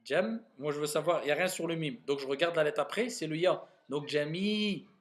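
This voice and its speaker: Patient man teaching reading in a classroom. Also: on the high side. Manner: patient, repeats words slowly and clearly to correct students. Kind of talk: classroom lesson.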